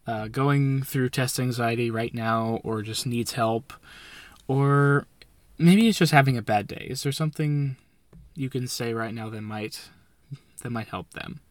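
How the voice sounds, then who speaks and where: Male podcast host, mid pitch, relaxed, dry close mic. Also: measured pace, no room sound. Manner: easygoing, talks straight to listeners. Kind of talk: casual podcast chat.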